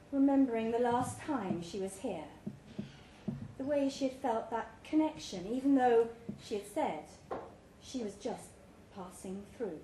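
A woman with a slightly high, warm voice reads a short story aloud at a live event, expressively bringing the dialogue to life. It takes place in an indoor pub event room, and the live recording is roomy with background noise.

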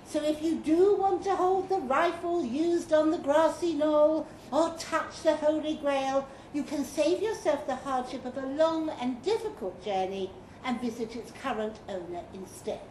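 Reading a comic guidebook at a live fiction night in a pub function room, a woman uses a dry, mock-official delivery with playful emphasis. She speaks in a high-pitched, slightly mellow voice, a little slowly and with hardly any pauses. The live recording is roomy and noisy, with audience laughter and room sounds behind her.

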